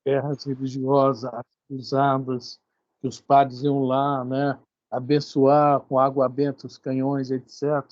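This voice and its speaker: A man's voice: mid-range voice, monotone, unhurried, darkish tone, no echo, lo-fi sound. A man with a Brazilian Portuguese accent leading a religious study group, commenting casually and rambling a little between thoughts. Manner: conversational, rambling with fillers.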